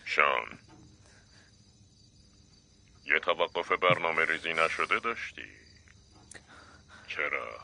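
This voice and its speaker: A man's voice: rumbling low, lively intonation, creaky, long pauses, sharp tone, full character voice. An actor voicing a cold, exacting male crime contact who questions coolly, in dubbed game dialogue. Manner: cool, probing questions. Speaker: criminal contact.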